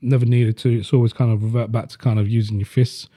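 Blunt fast-talking man. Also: mid-range voice, level tone, dark tone, dry recording, clean studio sound. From Leicester, England. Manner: blunt, swears freely, many fillers. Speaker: podcast host. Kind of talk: casual chat.

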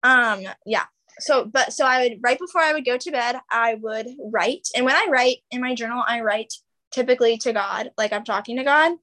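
Relaxed young woman co-host. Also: on the high side, moderate pace. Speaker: podcast co-host. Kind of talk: casual chat.

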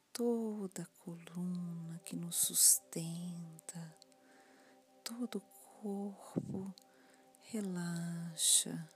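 A woman guiding a relaxation body scan in a soft, often whispered, soothing voice. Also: on the low side. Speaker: meditation guide.

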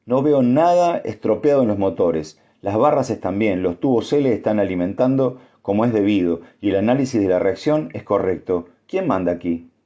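A man's voice: fairly low pitch, lively intonation, moderate pace, warm tone, lo-fi sound. A man doing a hot-headed young captain. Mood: angry.

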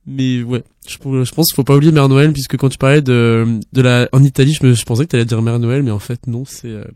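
A man's voice: medium pitch, steady tone, fairly quick, darkish tone, no echo, clean studio sound. A man chatting casually in a group talk, joking and teasing, with chuckling asides.

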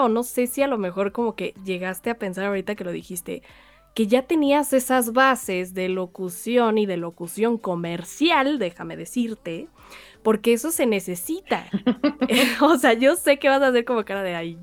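A woman's voice: on the high side, no room sound. A woman hosting a podcast interview, gushing with praise for her guest and laughing often. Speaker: podcast host. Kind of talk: casual interview.

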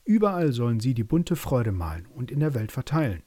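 A man voicing a brave tiny field mouse in a bedtime story, squeaky and insistent. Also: big pitch swings, mellow, no echo. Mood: excited. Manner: squeaky, insistent, rushed pleading.

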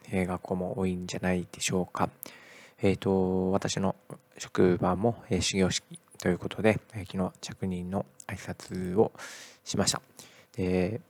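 Low husky guy, gravelly, dry sound, chatting about his day with lots of fillers. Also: no echo. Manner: relaxed, many "eh" fillers. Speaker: teacher. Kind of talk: casual podcast monologue.

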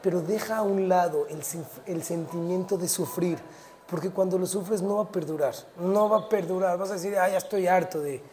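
A Torah teacher giving a short talk, animated, mixing in Hebrew terms and acting out little dialogues. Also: mid-range voice, moderate pace.

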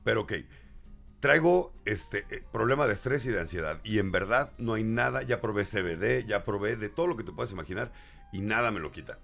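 A low, gravelly man hosting a chatty show, playful and teasing. Light music sits behind his voice. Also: expressive, a little fast, fairly bright tone. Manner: playful, teasing, jokey complaints. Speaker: show host. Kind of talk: joking casual talk-show banter.

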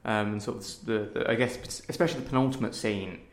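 A man with a lowish voice speaks fast, talking casually and thoughtfully as an interviewed theatre director who often hedges as he goes. The recording sounds roomy and echoey.

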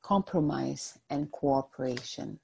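A host giving a spiritual card reading and guided meditation in a soft, soothing, breathy, husky voice. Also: mid-range voice, slow pace. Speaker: host, oracle card reader.

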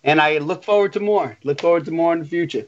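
A man's voice: on the high side, quick pace. Earnest male guest on a dull line. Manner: earnest, repeats words as he goes. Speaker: podcast guest. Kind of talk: casual wrestling podcast chat.

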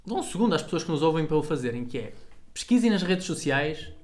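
Higher-voiced man, casual chat. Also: very animated, fast, darkish tone. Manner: teasing, colloquial. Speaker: podcast host.

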